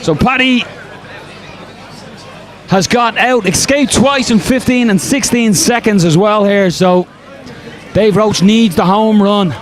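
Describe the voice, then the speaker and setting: An Irish man giving excitable live play-by-play commentary as lead fight commentator. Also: high voice, slow, long pauses. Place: indoor arena. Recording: live arena commentary over crowd noise.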